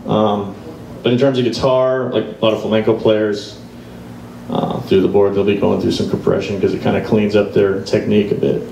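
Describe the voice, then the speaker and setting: A man's voice: lowish voice, little pitch movement, vocal fry, warm tone, slight background noise. A middle-aged man giving a casual live guitar clinic in a music store, speaking into a handheld mic and explaining as he plays. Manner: casual and explanatory, pausing to play examples. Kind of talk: live demonstration talk. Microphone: handheld microphone. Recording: roomy live sound from a distance. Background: guitar playing.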